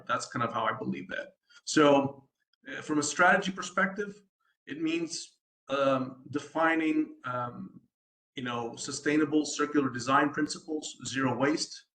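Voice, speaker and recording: A man's voice: medium pitch, bright, forceful tone, reverberant, poor audio. A man from the United States, a sustainability design consultant, giving a presentation at an online event, hesitant with many ums and restarts and a habit of asking "right?".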